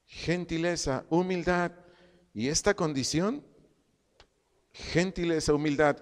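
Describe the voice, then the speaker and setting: A man preaching a Bible-study sermon to a congregation, repeating key phrases slowly as if dictating notes and asking his listeners questions. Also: on the high side. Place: church hall, also streamed online. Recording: long hall reverb.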